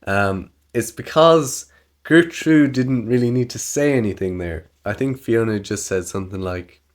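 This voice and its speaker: A man co-hosting a podcast in casual chat, laughing often and slipping into silly falsetto voices when quoting. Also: expressive, a little slow. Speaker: podcast co-host.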